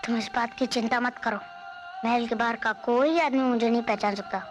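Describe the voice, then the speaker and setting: A woman playing a kind, sheltered young prince who speaks gently and reassuringly in a 1990s film. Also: on the high side, steady tone, normal speed, over music, close to an everyday voice.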